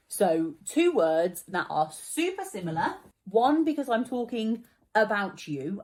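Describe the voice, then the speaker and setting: Young female teacher, low-ish voice, patient and encouraging, walks kids through spelling. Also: darkish tone. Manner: patient, encouraging, explains step by step. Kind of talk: children's spelling lesson.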